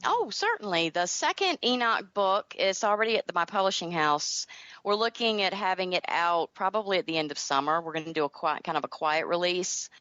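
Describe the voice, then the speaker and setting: Speaking fairly quickly with lively intonation, a middle-aged Southern woman from North Carolina talks as a guest author and audio drama creator in a conversational interview. Her voice is on the low side and fairly bright, and the recording is dry with dull audio.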